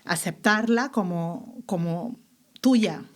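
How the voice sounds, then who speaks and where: A woman, a guest artist talking reflectively and pausing often to find her words. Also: on the low side. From Panama. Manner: reflective, searching for words, many fillers. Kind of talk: casual conversation.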